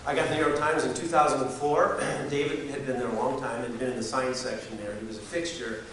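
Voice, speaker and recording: A man giving a wry, halting memorial speech full of anecdotes, often pausing to clear his throat. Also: medium pitch, steady tone, fairly bright tone. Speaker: eulogy speaker, science reporter. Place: community hall memorial gathering. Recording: echoey hall, distant mic, hiss.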